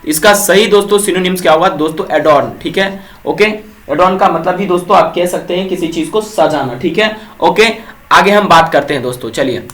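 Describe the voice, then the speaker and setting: A man's voice: high-pitched, fairly quick, a bit bright. A young man from Bihar teaching English vocabulary for an exam, who keeps asking his viewers questions and answering them himself. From Bihar, India. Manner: repeats quiz questions to viewers, fills with "ठीक है". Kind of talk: exam-prep vocabulary lesson.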